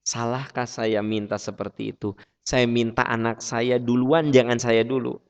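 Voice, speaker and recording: A man voicing a humble, devoted father who speaks softly and earnestly. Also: mid-range voice, fairly even intonation, normal speed, clean tone, highs cut off, lightly acted. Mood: earnest, pleading. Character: humble devoted middle-aged father, quietly pleading. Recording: long mosque hall reverb.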